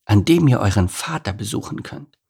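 A man's voice: lowish voice, lively intonation, normal speed, creaky, a little mellow, slightly rough, heavily acted. A man voicing a bossy but caring lioness mother in an audiobook story. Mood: scolding. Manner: scolding, commanding.

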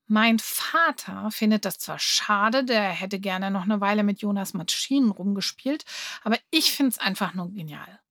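A woman's voice: mid-range voice, animated, moderate pace, few pauses, fairly bright tone, no echo, clean studio sound. A woman voicing an eager, cheerful schoolgirl in an audiobook reading. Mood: excited.

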